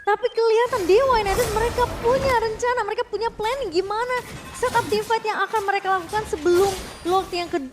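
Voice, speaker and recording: Very high-voiced Indonesian woman esports commentator. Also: fairly quick. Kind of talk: conversational match commentary. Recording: loud music behind the voice. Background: music.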